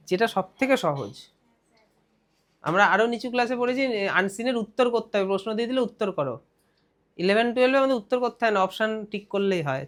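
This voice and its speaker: A male teacher with a Bengali accent leads a classroom grammar lesson. He reads English phrases out slowly, then explains them briskly, and keeps posing questions to his students. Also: sits high, a bit bright.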